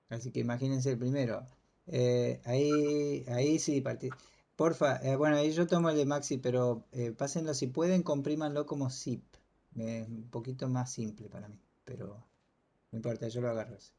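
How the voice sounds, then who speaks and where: Relaxed man teaching online. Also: mid-range voice, moderate pace. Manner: relaxed, hesitant, many fillers. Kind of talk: casual online class. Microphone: video call.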